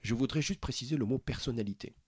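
A man, a podcast host, talking earnestly about his interviews in a warm, heartfelt way, often restarting his sentences. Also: mid-range voice, fast, breathy edge, dry recording, studio quality. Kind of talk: conversational interview storytelling. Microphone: studio microphone.

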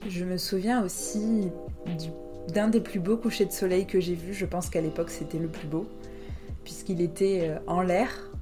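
A woman's voice: lowish voice, steady tone, normal speed, over music. A woman from France, host of a podcast, telling a personal travel story in a reflective, hesitant way with frequent fillers.

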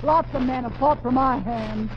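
An actor playing a gruff, brash old female riverboat captain with salty, challenging talk in an old-time radio comedy sketch. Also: very high voice, normal speed. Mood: scornful, challenging. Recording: dull, very noisy vintage radio recording.

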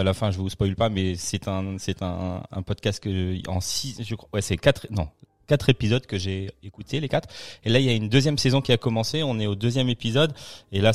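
A man's voice: fairly low pitch, no echo. A man on a casual podcast, chatting with lots of fillers and restarts as he recommends a show. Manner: rambling, many fillers and restarts. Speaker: podcast co-host.

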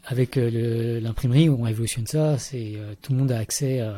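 In casual interview talk, a man in his thirties, a researcher and podcast guest from Vietnam who grew up in the Paris region, goes on at length with lots of fillers and restarts. His voice is mid-range and dark, briskly paced with fairly even intonation.

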